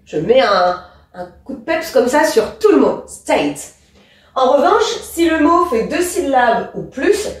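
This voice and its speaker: Speaking in a high voice, a woman gives an English lesson, explaining rules to a pupil, emphasizing example words and talking straight to the listener. She's far from the mic in an echoey room.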